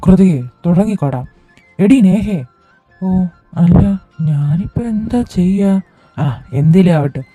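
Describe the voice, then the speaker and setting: A drunken, blustering husband barks slurred orders at his wife, acted by a woman. The voice is very dark and mellow, with faint music underneath. It sounds like fan audio drama acting. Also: fairly low pitch, animated, slow, pauses often, slightly rough, no room sound, exaggerated voice. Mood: drunk, bossy. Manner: slurred, bossy shouting at wife.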